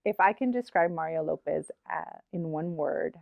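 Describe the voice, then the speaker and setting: A woman's voice: sits low, moderate pace, vocal fry, no room sound, narrow, tinny audio. A middle-aged woman, an arts organizer, speaking earnestly and from the heart in a documentary interview, with frequent hesitations. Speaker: community art shop and gallery organizer.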